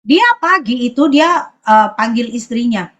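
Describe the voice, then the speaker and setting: A woman with a fairly high voice shares a personal church testimony. She tells it in a halting, searching way, often stopping to find the next word. She is from Sulawesi in Indonesia. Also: lively intonation, fairly bright tone, lo-fi sound. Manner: hesitant, often pausing to search for words. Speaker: church member giving a testimony.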